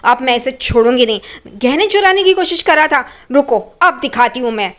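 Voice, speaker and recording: A woman voicing an excitable young woman, shrill and urgent, while retelling a TV serial. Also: brisk, close to an everyday voice. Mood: determined.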